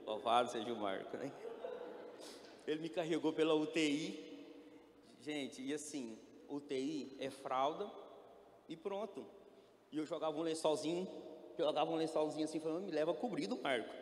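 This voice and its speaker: A man's voice: fairly high pitch, normal speed, pauses often. A man giving an emotional personal testimony. He acts out the quoted dialogue and rises to pleading. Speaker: testimony speaker. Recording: echoey hall with faint ambience.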